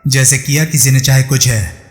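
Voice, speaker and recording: A man's voice: mid-range voice, normal speed, lightly acted. A man voicing a ruthless male criminal who talks in a cold, sneering, menacing way. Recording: echoey room with long reverb.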